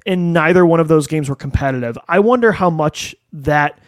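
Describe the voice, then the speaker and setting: Slightly high-voiced man hosting a sports podcast. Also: normal speed, no room sound. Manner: incredulous, conversational. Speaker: podcast host. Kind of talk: casual sports chat.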